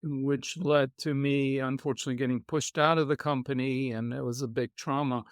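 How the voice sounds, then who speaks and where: A middle-aged man, a podcast guest telling his life story in a reflective, measured way. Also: mid-range voice, fairly even intonation, dry recording, clean studio sound. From Israel. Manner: reflective, measured, with soft laughs. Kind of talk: conversational storytelling.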